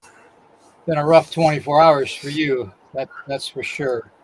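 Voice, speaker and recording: Through a rough recording with slight background noise, a man hosting a live-stream podcast reads a long disclaimer in a fairly high, steady, unhurried voice. He then greets chat viewers by name, one by one, and mentions he's losing his voice.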